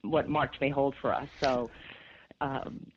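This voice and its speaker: A woman from upstate New York with a gravelly voice, chatting enthusiastically as a garden expert guest in a radio interview, with lots of fillers. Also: very deep voice, steady tone, slow, a little hiss or hum. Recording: tinny phone line.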